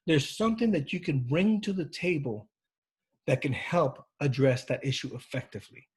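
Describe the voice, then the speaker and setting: A man with a husky, slightly breathy voice teaches a counseling class in an informal, conversational way. He often checks in with his students and restarts his sentences as he thinks aloud. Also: mid-range voice. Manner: informal, with frequent restarts and fillers. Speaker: counseling instructor. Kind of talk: classroom lecture.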